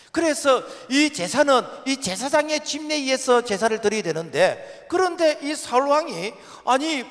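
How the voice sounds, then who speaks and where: A man, a senior pastor, delivers a dramatic Sunday sermon full of rhetorical questions. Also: high voice. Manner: rhetorical questions with frequent "eh?" prompts; dramatic, rising to near shouts. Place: church sanctuary. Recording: long church-hall reverb.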